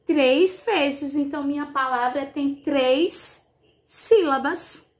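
A Brazilian woman teaching young children over a televised lesson, talking slowly and kindly, with lots of diminutives and check-in questions. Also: sits high. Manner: slow, sing-song teacher talk with diminutives. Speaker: primary school teacher. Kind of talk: televised remote class for children.

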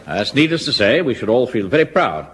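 An actor playing a pompous, blustering middle-aged Home Guard captain in a radio sitcom. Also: male voice, mid-range voice, big pitch swings, fast talker, over a noisy crowd, natural voice. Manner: pompous, blustering, self-important. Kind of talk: 1970s radio sitcom acting.

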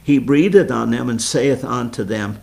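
A man's voice: mid-range voice, a little slow, creaky, a little mellow. A man leading an informal Bible study, earnestly explaining scripture and quizzing his group.

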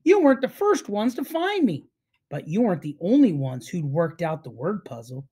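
A woman's voice: lowish voice, sing-song, moderate pace, warm tone, husky. A woman reading aloud, voicing a cheerful female camp leader. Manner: beaming, praising.

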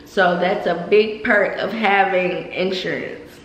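A woman's voice: lowish voice, fairly even intonation, slow, roomy sound, dull audio, slight background noise. A nineteen-year-old woman vlogging a casual Q&A while speaking with braces, chatty, with frequent ums. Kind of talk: casual Q&A vlog.

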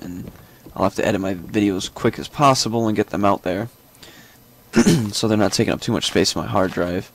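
Gravelly young man rambling over gameplay. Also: fairly low pitch, a bit bright, a little hiss or hum. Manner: rambling, thinking aloud with many fillers; joking asides. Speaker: gameplay commentator. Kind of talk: casual let's-play commentary.

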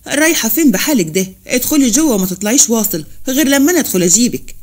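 A woman's voice: on the high side, expressive, rapid-fire. A woman voicing a stern, proud young husband who gives curt commands in an Upper Egyptian accent. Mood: commanding.

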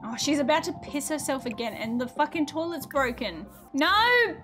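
A woman streaming a life sim game, chatting casually, swearing a lot and laughing loudly. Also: high voice, fairly quick, faint music behind. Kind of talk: casual gameplay commentary.

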